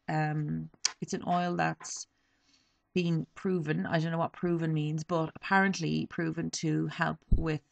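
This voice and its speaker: On the low side and touched with vocal fry, a woman's voice leads a casual review of a beauty haul. The speaker, a beauty vlogger in her twenties, is a bit sniffly and peppers her talk with ums and self-corrections.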